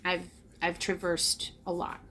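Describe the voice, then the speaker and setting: A spiritual vlogger in her late thirties speaks to a camera indoors, reflecting earnestly and confessionally on her own life and repeating phrases for emphasis. Her voice is lowish, slightly bright and monotone, and she speaks slowly. There is slight background noise.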